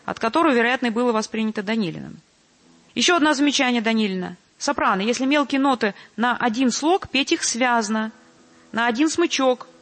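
A woman giving a measured, deliberate lecture and reading quotations aloud. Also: fairly high pitch, fairly bright tone, long reverb tail. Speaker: lecturer on church choir singing.

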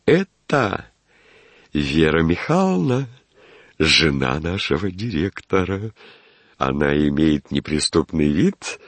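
A man voicing a vain, excitable male official who shouts and frets, then muses dreamily. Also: sits low, vocal fry, slightly rough, no echo, exaggerated voice. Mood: dreamy.

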